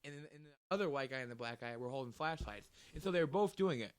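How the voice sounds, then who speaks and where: A man's voice: medium pitch, animated, quick pace, smooth, no room sound. A young man co-hosting a casual podcast, telling a long rambling story with frequent restarts and laughs. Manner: rambling, laughs through his stories, many restarts. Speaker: podcast co-host.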